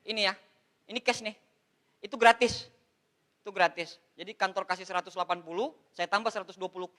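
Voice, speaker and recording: A man from Indonesia in his thirties giving an animated, joking motivational seminar talk, addressing the audience as Pak. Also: sits high, rapid-fire. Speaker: motivational speaker on MLM.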